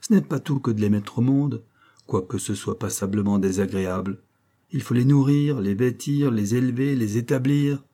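A stern middle-aged mother who lectures in a dry, scolding tone, as a male reader puts her on. The voice sits on a mellow, warm base, with sharp rises on her commands. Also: medium pitch, normal speed, lightly acted. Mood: wry.

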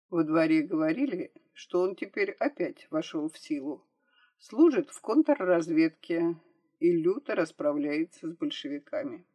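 A woman narrating an audiobook with a measured, expressive reading. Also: lowish voice.

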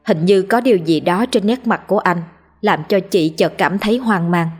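Woman, ghost story narrator, measured, somber, mid pitch, faint music behind. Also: slightly rough.

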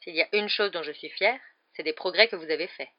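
A reader voicing a gentle, weary male teacher who speaks in a calm, measured way. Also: mid-range voice, close to an everyday voice. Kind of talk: audiobook character voice. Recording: slightly dull lo-fi recording.

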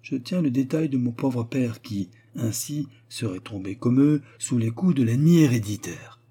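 A man narrating a story aloud in a measured, dramatic way. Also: medium pitch, expressive, dark tone, husky. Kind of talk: audiobook narration.

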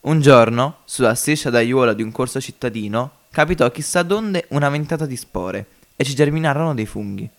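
Guy reading a story out for a podcast, steady expressive voice, middle pitch. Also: moderate pace, few pauses. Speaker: narrator. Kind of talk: amateur audiobook narration.

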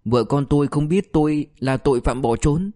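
A man's voice: on the high side, normal speed, warm tone, lightly acted. A man voicing a broken middle-aged male fugitive who stammers and pleads through tears. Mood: begging.

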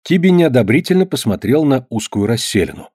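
A man narrating a children's story in an expressive storytelling manner. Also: mid-range voice, brisk, husky, no echo, clean studio sound. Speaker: audiobook narrator. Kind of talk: scripted narration.

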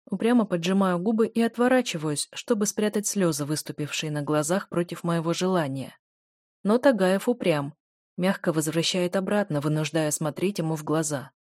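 Woman narrating a novel, emotive first-person reading, lowish voice. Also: normal speed, a little mellow, no room sound, clean studio sound. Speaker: audiobook narrator.

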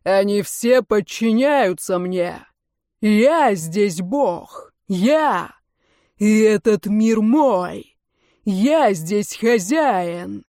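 A woman voicing a gloating male villain who calls himself a god, shouting slowly and triumphantly. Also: medium pitch, lively intonation, dry recording, studio quality.

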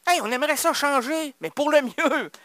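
Bright, punning radio host rambling playfully. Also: male voice, extremely high pitch, normal speed, dry recording. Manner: playful, rambling, punning, talks to imagined listeners. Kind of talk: improvised comic monologue. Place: radio studio.

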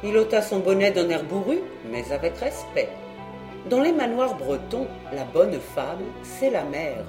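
A reader narrating a nineteenth-century novel in a measured storytelling manner. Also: mid-range voice, very animated, over music. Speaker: audiobook narrator. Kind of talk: literary audiobook narration.

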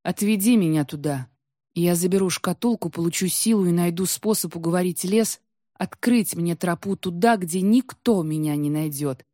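A woman's voice: fairly low pitch, normal speed, mellow, no room sound, clean studio sound, lightly acted. Woman voicing a cold, defiant young tsaritsa. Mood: pleading. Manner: cold, prickly, insistent. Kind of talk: storybook reading.

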